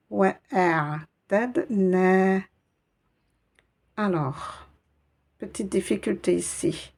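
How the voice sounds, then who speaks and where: A woman's voice: fairly low pitch, gravelly, dark tone, breathy edge. A woman teaching Arabic reading in a patient, encouraging way, naming each letter and sound one by one. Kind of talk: slow step-by-step reading lesson.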